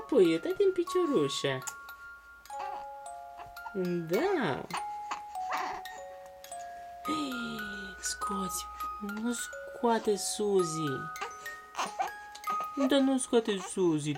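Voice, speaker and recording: A man from Romania talking baby talk to his infant in a singsong, coaxing way, with soft sighs. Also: high voice, very animated, long pauses, over loud music.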